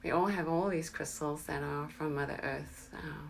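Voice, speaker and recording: Low gravelly woman guiding a meditation. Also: steady tone, slight background noise. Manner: slow and soothing, drifting into soft whispers. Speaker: meditation guide. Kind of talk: guided meditation.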